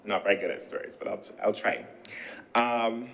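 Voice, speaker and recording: A man's voice: mid-range voice, steady tone, normal speed, a bit bright, low-quality recording. A man in his thirties from Barbados with a Barbadian accent, giving a formal parliamentary speech as a senator and often addressing the chair. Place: legislative chamber.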